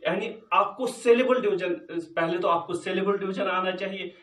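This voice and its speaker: A man teaching a punctuation lesson, slowly repeating words as he switches between English and Hindi. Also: high voice, fairly bright tone, distant mic. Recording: echoey room, voice from off-mic.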